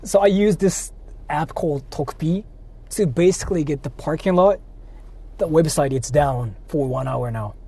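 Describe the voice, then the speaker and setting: A Japanese livestreamer and channel host talks with a fairly high, mellow, slightly rough voice at normal speed while street noise carries on outside. His casual chat leans on repetitive, blunt slang and the occasional curse.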